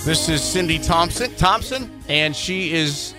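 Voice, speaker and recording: A man co-hosting a radio morning show, chatting casually in a quick, joking, self-deprecating way. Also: on the high side, expressive, music in the background.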